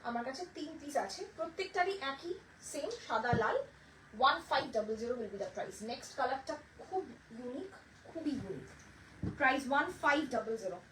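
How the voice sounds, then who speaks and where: A high-pitched woman from Bengal hosts a live saree sale in a chatty way, switching between Bengali and English. She is recorded from a distance in an echoey room with faint background noise. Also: animated, a little slow, fairly bright tone. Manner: chatty, mixes Bengali and English, greets viewers by name. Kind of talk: live-stream sales pitch.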